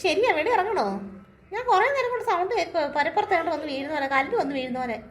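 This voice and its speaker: A woman voicing an excitable, easily frightened mother in a cartoon. She exclaims in shrill, rapid bursts. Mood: uneasy. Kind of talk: cartoon voice acting.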